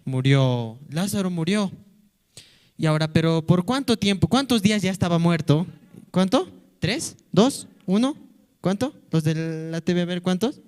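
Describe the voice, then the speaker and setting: High-voiced man teaching children. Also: animated, a little slow, a little mellow, clean tone. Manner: asks the children many questions, playful. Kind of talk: Sunday-school lesson for children.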